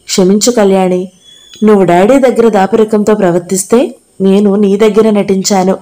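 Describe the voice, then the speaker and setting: A woman's voice: mid-range voice, fairly even intonation, moderate pace, mellow, close to an everyday voice, poor audio. A woman reading the part of a kind young male doctor, speaking earnestly and reassuringly.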